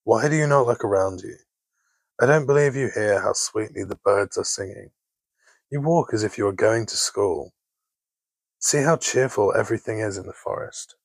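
A man voicing a sly, hungry male wolf in a bedtime storybook reading, coaxing and then low and menacing. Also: moderate pace, husky, no echo.

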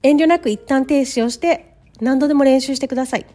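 A woman teaching a bilingual English lesson, upbeat and encouraging, modeling English phrases slowly for learners. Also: sits high, mellow, soft background music.

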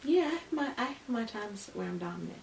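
A woman friend in a casual chat, quietly asking questions and agreeing. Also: on the high side, sing-song, fast talker, vocal fry. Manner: quiet, agreeing back-channel replies. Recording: echoey, distant from the mic, faint hiss.

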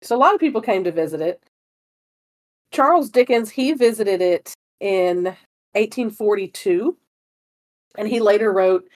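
A woman co-hosting a podcast, casually telling a history story in a rambling way with frequent giggles. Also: mid-range voice. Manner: rambling, breaks into giggles often. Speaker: podcast co-host.

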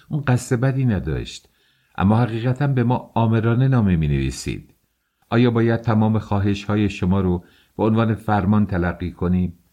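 A man's voice: on the low side, warm tone. A man voicing an agitated middle-aged mother who argues sharply to protect her daughter, in an audiobook reading.

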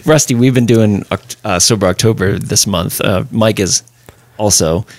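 A man's voice: fairly low pitch, animated, a little slow, no room sound. A man hosting a podcast, chatting in an easygoing, storytelling way. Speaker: podcast host. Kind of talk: casual podcast chat.

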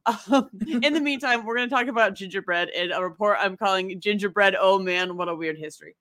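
A woman's voice: mid-range voice, a little fast, a bit bright, no echo, clean studio sound. A woman co-hosting a podcast, rambling and giggly as she presents her research in casual chat. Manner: giggly, rambling, self-deprecating.

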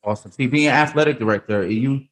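A man hosting an interview, emphatic and enthusiastic, repeating words and lifting his pitch high when he praises. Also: quick pace. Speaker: show host.

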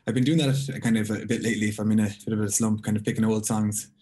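A man's voice: lowish voice, flat delivery, fast, mellow. A young man from Galway with a west of Ireland accent, chatting casually and informally as a songwriter being interviewed. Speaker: singer-songwriter, interview guest.

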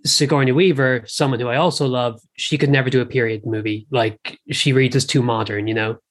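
An Irish man speaks as a podcast guest in a casual film chat. His pitch is middling and his talk is informal, peppered with "like". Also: fairly even intonation, a little fast. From Ireland.

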